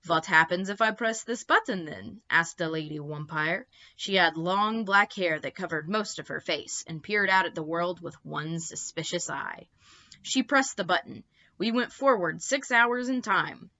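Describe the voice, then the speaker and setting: A woman reads a children's storybook aloud, narrating expressively at an unhurried pace in a fairly low voice. The audio sounds dull.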